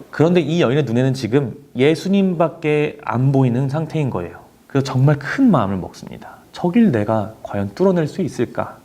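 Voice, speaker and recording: A man's voice: a little high, mellow. A young man preaching to teenagers, telling a story dramatically and speaking the characters' inner thoughts aloud. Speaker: youth pastor. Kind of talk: sermon to teenagers.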